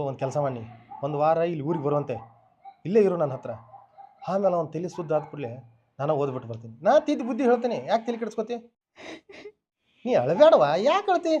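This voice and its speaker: Scheming older man, lively swinging voice. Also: a little high, slightly rough, highs cut off. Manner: scheming, swinging from soothing to gloating. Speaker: scheming father. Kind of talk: rural family drama acting.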